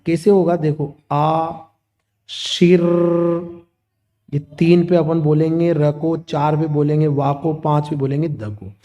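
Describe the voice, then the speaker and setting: A man teaching a grammar lesson, steadily listing words and their opposites. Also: a little high. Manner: steady, listing word pairs one after another.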